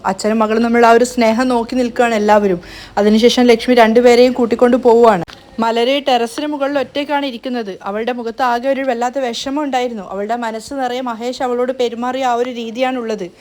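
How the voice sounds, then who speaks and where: A woman narrates a serial's plot in a brisk, hurried retelling, her voice sitting a little high. She rushes through events at a very quick clip and now and then trips over a word and restarts. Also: steady tone, a little mellow. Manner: brisk retelling with small stumbles. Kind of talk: rapid spoken story recap.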